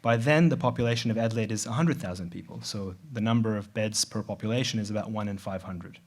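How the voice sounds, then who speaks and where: A man's voice: lowish voice, a little mellow. Middle-aged man giving a conference talk. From Middle East, grew up in Dubai. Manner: conversational, measured, some restarts and stammers. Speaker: conference speaker, surgeon. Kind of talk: conference presentation. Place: large venue.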